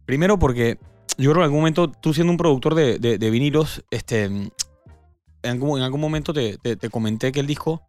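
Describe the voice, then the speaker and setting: A man, a music producer speaking as a guest in a casual interview, often halting and repeating words as he thinks. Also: medium pitch, a little mellow, no echo.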